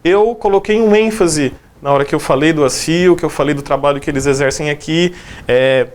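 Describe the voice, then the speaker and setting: A man's voice: fairly high pitch, fairly quick. A man with a Brazilian Portuguese accent, a psychologist giving a conversational sales training lecture, often checking in with his listeners. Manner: conversational, frequent "né?" and "beleza?" check-ins.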